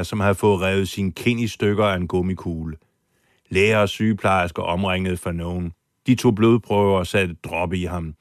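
A man's voice: low-pitched, no echo, studio quality. A man telling a true story as host in scripted documentary narration, acting out the quoted lines with drama. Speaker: podcast host and foreign correspondent.

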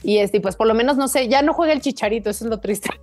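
A Mexican woman talks in a casual chat with a slightly high voice. She tells her stories with animation and acts out the dialogue she quotes. Faint music plays behind her. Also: fast talker, a little mellow, dry recording. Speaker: linguistic advisor and football host.

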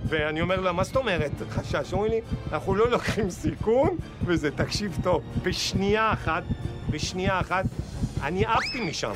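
A man in his forties telling comic personal stories in an animated way, acting out the dialogue. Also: sits high, few pauses, over music. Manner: animated, exclaiming, acts out dialogue. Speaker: storyteller.

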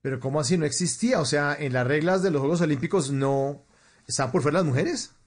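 A man's voice: on the high side, fast. A man hosting a live radio interview.

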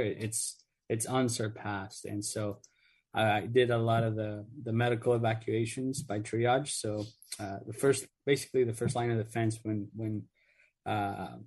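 Male guest, Mexico-born vet, earnest and filler-heavy, average pitch. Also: a little mellow. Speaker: guest, Air Force veteran. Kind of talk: casual radio interview.

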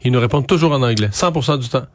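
A man's voice: mid-range voice, very fast, no room sound. A man with a Québécois French accent, hosting a casual radio chat and pressing his points emphatically. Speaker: radio host.

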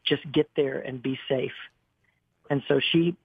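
A man's voice: medium pitch, steady tone, measured pace, slightly rough, no room sound. 48 yr old guy on a phone line, heartfelt rambly storytelling, dry and tinny. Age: 40s. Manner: earnest, emotional, rambling with restarts. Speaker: guest singer. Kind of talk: candid storytelling on a radio interview.

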